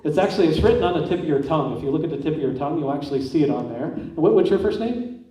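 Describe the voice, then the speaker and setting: A man's voice: fairly high pitch, expressive, racing, mellow. A man working as a stage hypnotist and host, giving simple repeated instructions and questions to volunteers in a live comedy show. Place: large indoor school stage, echoing. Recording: echoey hall, picked up from far off.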